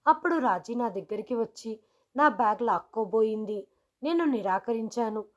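A woman reading a scripted first-person story in a steady, measured way. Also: a little high, muffled recording.

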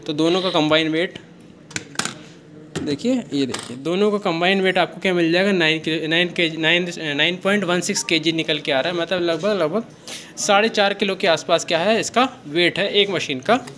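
There's a little hiss or hum under this man's high, slightly bright voice as he demonstrates a product on camera in a small room indoors. His casual seller's patter is heavy with fillers, self-corrections, and "kya" questions he asks himself again and again.

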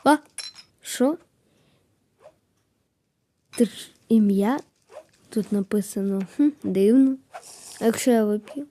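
A woman's voice: mid-range voice, slow pace, long pauses, dark tone. A woman playing a game, muttering to herself as she tries things out, then voicing her characters with squeals and battle cries. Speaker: game player. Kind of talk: playful game commentary.

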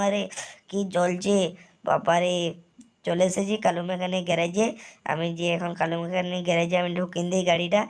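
Woman, game story narrator, very flat delivery, repetitive rambling, talks to viewers. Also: on the low side. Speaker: gaming channel narrator.

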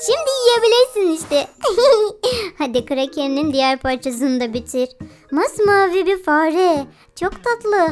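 With a high, sing-song voice at a slightly slow pace, a playful host narrates a children's game, talking to cartoon animals in a giggly, cooing, exclamatory manner. There's children's music in the background.

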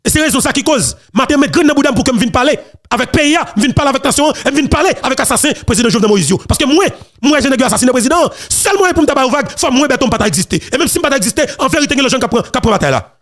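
A man's voice: very high-pitched, expressive, racing, hardly any pauses, fairly bright tone. A Haitian man with a Haitian accent giving emphatic, repetitive political commentary as an online news host.

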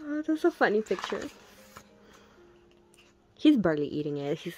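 A woman's voice: on the low side, very animated, moderate pace, slight background noise. A young woman gushing through a photobook unboxing, gasping and whispering little asides as she looks at each picture. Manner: gushing, breathy gasps and soft whispered asides. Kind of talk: casual unboxing commentary.

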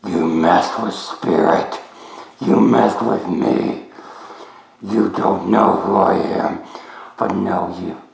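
A young man voicing his menacing alter ego in a disguised deep voice, issuing slow threatening warnings. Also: steady tone, darkish tone, echoey room, heavily acted, rough recording. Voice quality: gravelly, slow and low. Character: menacing alter ego of the vlogger, a brooding young male protector.

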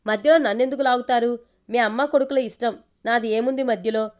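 A woman reading the part of a middle-aged father who dodges family quarrels, gruff and dismissive. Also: a little high, fairly even intonation, brisk, close to an everyday voice. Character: stern middle-aged father, sly peacemaker.

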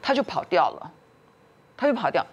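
A woman's voice: on the low side, sing-song, moderate pace, breathy edge, muffled recording. A woman, a talk show guest telling a family story and acting out the quarrels in raised voices.

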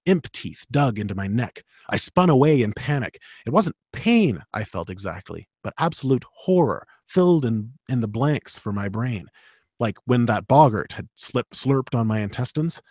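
A man in his thirties with a slight Canadian accent reads an action novel aloud with steady drama, then laughs and chats casually about narration as an audiobook narrator and host. His medium-pitched, slightly rough voice moves at normal speed. He records on a studio condenser mic with headphones in a small home studio hung with dark drapes, and the sound is dry and clean.

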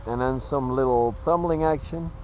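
A man casually commentating as he flies a model jet outdoors, relaxed and chuckling. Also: mid-range voice, a little hiss or hum, low-quality recording. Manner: relaxed, chuckling, talks slowly while flying. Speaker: RC jet pilot reviewer. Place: outdoor flying field.

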